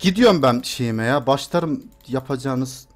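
A man's voice: mid-range voice, lively intonation, a little slow. A young man streaming a video game, muttering and cursing to himself, then shrieking in panic when chased. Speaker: gameplay streamer. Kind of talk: live game commentary.

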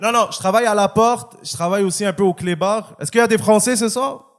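A man's voice: high-pitched, quick pace, slight background noise. A man bantering casually on a comedy stage, evasive and laughing, with many fillers. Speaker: stand-up comedian.

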